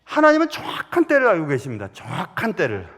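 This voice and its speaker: A middle-aged man preaching a Sunday sermon, telling stories with sudden loud rises and soft drops. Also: on the high side, wildly swooping pitch, fast talker, long reverb tail. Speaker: pastor. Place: large church sanctuary.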